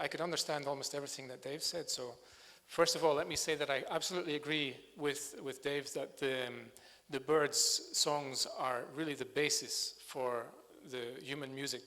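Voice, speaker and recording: Bright and forceful, with a mid-range pitch, a bird sound recordist from Scotland presents at a conference. The lecture hall echoes, and he hesitates often while hunting for the right words.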